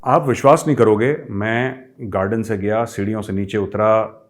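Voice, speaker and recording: A middle-aged man hosting a show, telling a personal story in a lively way and sliding in English phrases. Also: on the low side, moderate pace. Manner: lively, acts out quoted people with raised voice, mixes English phrases. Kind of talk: animated storytelling.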